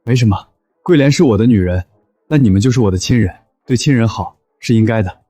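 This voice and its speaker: An actor playing a loyal young village man who speaks calmly and sincerely. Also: mid-range voice, fast, natural voice. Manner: calm, sincere. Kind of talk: short drama acting.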